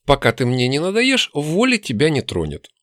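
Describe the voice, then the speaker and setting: A man's voice: a little high, huge pitch swings, normal speed, a bit bright, no room sound, studio quality. A man voicing a lecherous male elf bandit who talks down to his captive in a mocking, condescending way.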